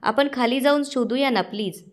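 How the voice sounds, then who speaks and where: Prabhubai is a fretful middle-aged woman who pleads anxiously over a lost purse, read out by a woman narrator in her own fairly high voice. She comes from a retold TV serial. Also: normal speed, close to an everyday voice.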